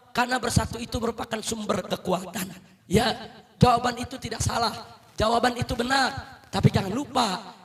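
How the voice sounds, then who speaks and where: A man's voice: extremely high pitch, fairly bright tone. A middle-aged man giving a rousing political sermon to a crowd, repeatedly calling out to his listeners and leading chants. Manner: rousing, repeats "saudara", calls for takbir and crowd responses. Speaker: Islamic preacher.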